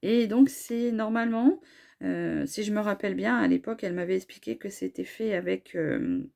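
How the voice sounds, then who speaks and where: A middle-aged woman with a hoarse voice from a cold, chatting casually about her hair products with many fillers and restarts. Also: mid-range voice, moderate pace, mellow. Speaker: beauty vlogger.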